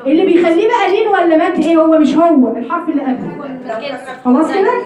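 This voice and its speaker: Egyptian woman, recitation teacher, high voice, patient step-by-step explaining, roomy and distant sound. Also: quick pace, darkish tone. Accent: Egyptian Arabic. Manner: explains step by step, keeps checking if students follow. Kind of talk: classroom lesson on recitation rules.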